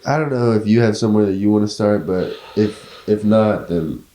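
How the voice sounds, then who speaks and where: A man's voice: on the low side, moderate pace, warm tone, reverberant. A young man hosting a casual podcast chat, laid-back, swearing freely and laughing often. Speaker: podcast host.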